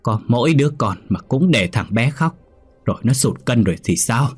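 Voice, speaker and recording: A man's voice: lowish voice, a little slow, slightly rough, no echo, soft background music. A man voicing a senile, cranky old grandmother in a spoken horror story, scolding and stubborn. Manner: scolding and snappish.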